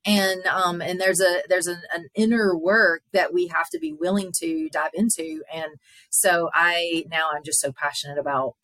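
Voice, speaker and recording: A woman speaking as a therapist guest, earnest and halting with many filler pauses. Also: on the low side, a bit bright, dry recording. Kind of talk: casual interview talk.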